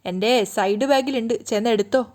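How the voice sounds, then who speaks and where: A woman voicing a domineering, scheming middle-aged mother who taunts and gloats, in a slow, mellow read. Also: on the high side, close to an everyday voice. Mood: taunting.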